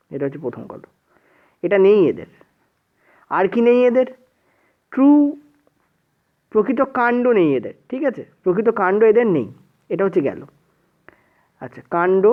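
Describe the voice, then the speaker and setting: A man with a Bengali accent teaches an exam-prep science class, asking whether things are clear after nearly every phrase and slipping English terms into his talk. His voice sits high for a man. The sound is narrow and tinny, as if heard over a phone. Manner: repeats "ঠিক আছে" often, mixes English words in.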